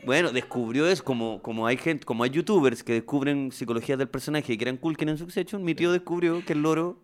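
A man's voice: fairly high pitch, fast talker, faint music behind. A man with a Chilean accent co-hosting a podcast in casual chat, laid-back and slangy, laughing often. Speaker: podcast co-host.

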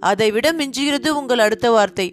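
A woman's voice: fairly high pitch, a little fast, slight background noise, lightly acted. A woman doing a mocking tall thug. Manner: mocking, commanding.

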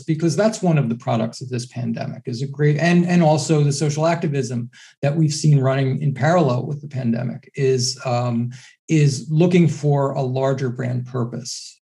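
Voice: mid-range voice, dark tone. A podcast host asking long, rambling questions that correct themselves along the way. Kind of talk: interview questions.

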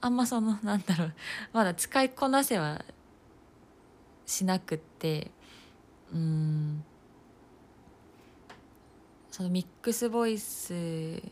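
A young woman in her twenties talking casually and alone in a slightly low voice. She muses loosely as she goes, trailing off into fillers and small laughs. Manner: musing, loose and chatty, with soft laughs and frequent fillers. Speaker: nursing student podcaster. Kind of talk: casual solo talk.

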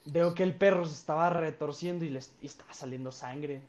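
A man's voice: fairly high pitch, brisk, crowd noise. A young man with a Mexican Spanish accent telling a story on a podcast in a rambling, slangy way with lots of fillers. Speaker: podcast co-host. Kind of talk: casual storytelling. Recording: dull lo-fi sound.

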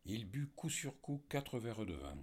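A man narrating an audiobook in a measured storytelling manner. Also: mid-range voice, sing-song, darkish tone, husky.

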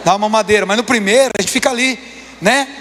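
A Brazilian man in his thirties preaching a sermon as pastor, impassioned, his voice climbing higher when he presses a point. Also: fast, a bit bright. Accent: Brazilian Portuguese. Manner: impassioned, rises in pitch when preaching hard. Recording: long hall reverb.

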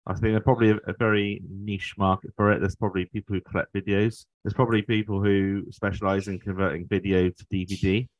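A man's voice: low-pitched, little pitch movement, fast talker, few pauses, no echo, rough recording. A British man hosting a podcast, chatting casually in a rambling, conversational way. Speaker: podcast host. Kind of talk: casual chat.

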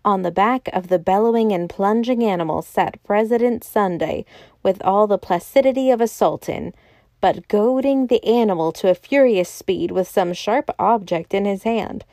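Mellow woman reading a novel aloud. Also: medium pitch, moderate pace, no room sound. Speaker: audiobook narrator. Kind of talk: scripted narration.

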